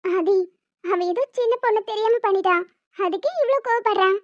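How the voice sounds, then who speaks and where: In this cartoon dialogue, a woman gives voice to a bossy young pregnant character, pitching it very high and almost childlike as she firmly talks others round at a moderate pace. The sound is dull, lo-fi, dry, and close, with no room sound.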